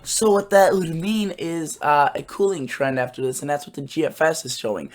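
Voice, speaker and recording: On his weather channel, a man walks through forecast charts in a relaxed, halting way, filling the gaps with plenty of filler words. His voice is slightly hoarse and pitched a little high.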